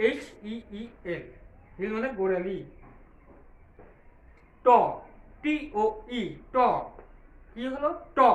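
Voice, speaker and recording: A man with a very high voice teaches young children, spelling each word out slowly and repeating it. He asks a question and answers it himself. The room around him sounds echoey and open. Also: a bit bright, muffled recording. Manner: spells words out letter by letter and answers his own questions; patient, repetitive, slow explaining. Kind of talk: classroom lesson for young children.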